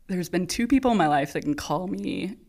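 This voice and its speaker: A woman in her thirties with a fairly low voice tells a story in a relaxed chat. She laughs often and acts out the people she talks about. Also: brisk. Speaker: podcast guest, nurse.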